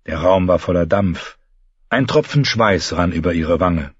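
A man narrating a novel as an audiobook reader, measured and lively. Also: low voice, slightly rough, no room sound. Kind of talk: scripted narration. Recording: dull, dry, lo-fi.

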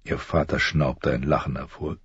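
A man narrating a story in a calm, measured style. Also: rumbling low, breathy edge, no room sound, lo-fi sound. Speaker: audiobook narrator. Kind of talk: scripted narration.

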